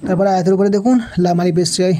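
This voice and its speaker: A man teaching Quran reading in a Bangladeshi Bengali accent, spelling out letters and vowel marks slowly and then chanting the verses. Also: high voice, flat delivery, warm tone, slight background noise. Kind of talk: Quran recitation lesson.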